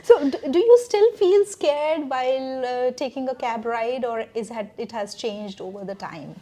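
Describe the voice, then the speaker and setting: Brief: female podcast host, fairly high voice, easygoing and encouraging. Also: lively intonation, unhurried, warm tone. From India. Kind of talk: casual conversation.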